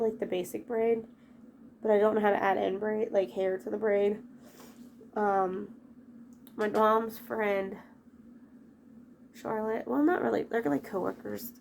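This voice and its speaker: Tidying up her bedroom at home, a woman vlogger with a head cold rambles chattily and keeps interrupting herself partway through thoughts. Her medium-pitched voice is gravelly and a little mellow, with slight background noise in the clip.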